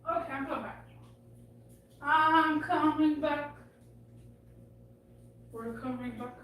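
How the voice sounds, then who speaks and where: A woman's voice: high voice, takes it slowly, a bit bright. A woman live streaming from her desk at home, chatting in a rambling, casual way and trailing off mid-thought. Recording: echoey room with faint background noise.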